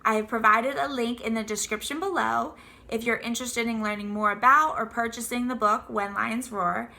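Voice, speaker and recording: A woman's voice: a little high, fairly even intonation, normal speed, vocal fry, bright, forceful tone. A woman in her thirties giving an earnest, prepared children's book review to camera, explaining steadily with the odd um. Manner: earnest, explanatory, occasional ums.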